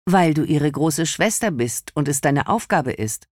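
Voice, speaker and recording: A stern, worried mother speaking to her daughter in a firm, insistent tone, as a man reads her out. The voice sits somewhat high and the recording is dry and close. It is a storybook reading. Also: animated, unhurried, dry recording. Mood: earnest, urgent.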